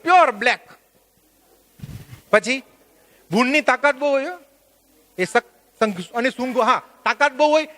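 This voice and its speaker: High-voiced man giving a lively workshop talk. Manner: animated, joking, quizzes the audience. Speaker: workshop trainer. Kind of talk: lively lecture to a live audience. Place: workshop at a religious venue.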